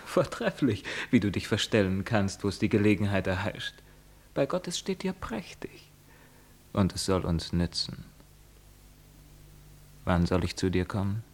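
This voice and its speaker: A man's voice: lowish voice, expressive, a little slow, long pauses. An actor playing a cool, mocking young man who teases his lover, in a classic radio play. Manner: mocking, teasing.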